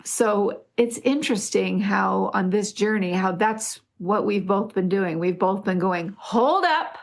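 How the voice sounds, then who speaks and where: A woman's voice: medium pitch, measured pace, vocal fry. A woman hosting a podcast in casual chat, telling stories expressively and addressing listeners. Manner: expressive, emotional storyteller, speaks to listeners. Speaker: podcast host.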